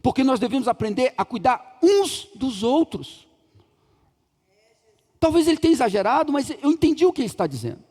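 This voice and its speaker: High-voiced Brazilian pastor, echoing hall. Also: male voice, very animated, brisk, warm tone. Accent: Brazilian Portuguese. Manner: humorous, chatty, acts out dialogue. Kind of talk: sermon with storytelling. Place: large church hall. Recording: reverberant church hall.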